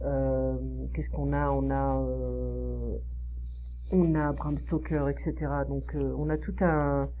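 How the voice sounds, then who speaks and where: A French woman tutoring French one-on-one, explaining slowly with many fillers and modelling pronunciation. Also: extremely low pitch, level tone, highs cut off, slight background noise. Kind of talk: one-on-one online French lesson.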